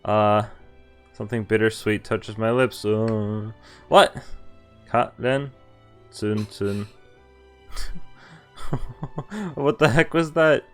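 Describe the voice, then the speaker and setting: Reading a visual novel aloud on stream, this man speaks extremely slowly, pausing often, in a smooth, fairly low voice. Between lines he laughs and tosses in mild swearing and casual comments. There's music in the background.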